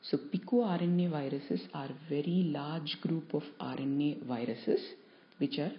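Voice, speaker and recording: A woman lecturer explaining a topic to students in a measured, explanatory way, stressing key terms. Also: sits low, slight background noise. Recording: dull lo-fi recording.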